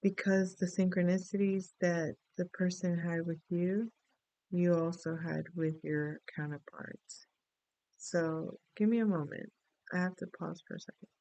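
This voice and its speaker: A middle-aged woman from the Dominican Republic chats her way through a rambling story during a reading. Her voice has a gravelly fry, yet it stays smooth and resonant. The sound is close and dry. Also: on the low side, fairly even intonation, a little slow, warm tone, no room sound, rough recording. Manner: rambling, chatty storytelling with many asides. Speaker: astrology and tarot reader. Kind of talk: casual spoken reading.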